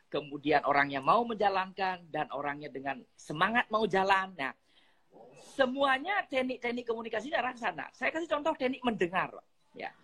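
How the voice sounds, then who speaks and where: A woman's voice: mid-range voice, fairly bright tone. A woman speaking as a guest on an online live talk, politely giving numbered tips on communication. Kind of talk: instructional live chat. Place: online video call.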